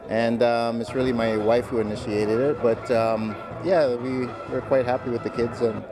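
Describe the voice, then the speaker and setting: A man's voice: mid-range voice, steady tone, moderate pace, over music. A man interviewed as a parent, speaking hesitantly with many fillers.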